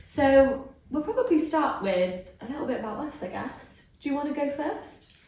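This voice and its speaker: Female podcast host, higher voice, chatty and casual, caught off-mic in a strongly reverberant room. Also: animated, normal speed, a little mellow, a little hiss or hum. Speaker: podcast host, bridal stylist. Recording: echoey room, distant from mic.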